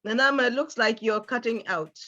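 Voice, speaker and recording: A man moderating an online town hall, calmly handling technical trouble and calling on audience members. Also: extremely high pitch, brisk, lo-fi sound. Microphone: video call.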